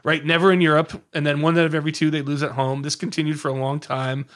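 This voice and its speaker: A man chats on a podcast in a somewhat raised voice, rambling eagerly from one anecdote to the next. He often jumps into quick impressions of the people in his story. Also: on the high side. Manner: lively, digressive storyteller who slips into quoted voices. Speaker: podcast guest.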